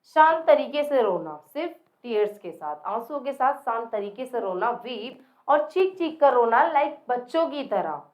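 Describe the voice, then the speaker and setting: A woman teacher giving a spoken English lesson, repeating example phrases slowly and checking whether her students understood. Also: a little high, sing-song, darkish tone. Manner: slows down and repeats example phrases, quizzing the viewer. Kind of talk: classroom-style spoken lesson.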